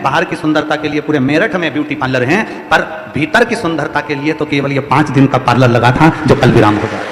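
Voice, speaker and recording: A man's voice: on the high side, a bit bright, a little hiss or hum. A man with a central Indian Hindi accent giving a devotional sermon, repeating phrases in a rhythmic, exhorting way. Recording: echoey hall with faint music.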